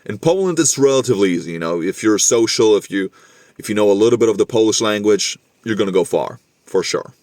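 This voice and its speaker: A young Norwegian vlogger talks fast and expressively to camera in a fairly low, darkish voice with a slightly Scandinavian-tinged English accent. He chats casually, repeats himself, and calls the listener bro. There's no echo.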